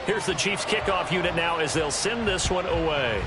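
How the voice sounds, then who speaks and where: A man's voice: fairly high pitch, normal speed, heavy background noise. A man with an American accent calling a football game as the play-by-play announcer. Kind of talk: sports commentary.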